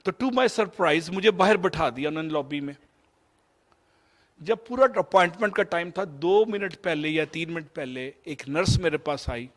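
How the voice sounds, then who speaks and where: A man's voice: on the high side, expressive. A man in his fifties from Pakistan with a Pakistani Urdu accent, telling a personal story in a motivational lecture and slipping English phrases into his Urdu. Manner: mixes English phrases into Urdu, shifts between loud and soft. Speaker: motivational speaker.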